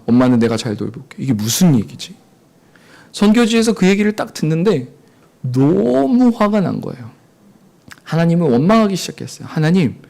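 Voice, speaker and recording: Dramatic Korean missionary preaching a testimony. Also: male voice, a little high. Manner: dramatic storytelling, acting out voices and shouting at peaks. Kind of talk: sermon testimony. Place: church service.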